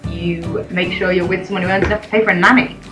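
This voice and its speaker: A woman's voice: fairly low pitch, steady tone, fast. Woman, thirties, short agreeable remarks, echoey room, faint music. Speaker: co-host. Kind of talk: casual chat.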